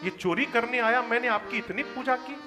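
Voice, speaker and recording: A man's voice: very high-pitched, normal speed, pitched above the performer's own voice. A man voicing an indignant temple priest. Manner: aggrieved protesting. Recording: echoey hall, faint music.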